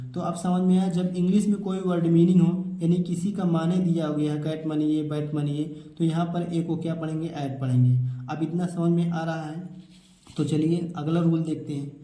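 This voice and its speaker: A man's voice: a little high, steady tone, a little fast, warm tone. A man teaching English spelling to children, asking a question and then answering it himself. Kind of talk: classroom-style explanation to children. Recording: echoey room.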